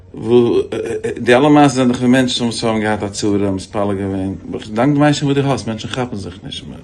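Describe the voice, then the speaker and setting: A rabbi with a fairly low voice gives an animated, story-driven sermon about faith, with slight noise in the background. He frequently starts phrases over, and his voice leaps upward when quoting others.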